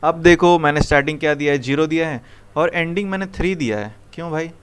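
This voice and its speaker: A young man leads a live coding lesson in a classroom. His voice is smooth and clear and sits a little high. He keeps nudging students with repeated questions. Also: fast talker, fairly bright tone. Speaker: programming teacher.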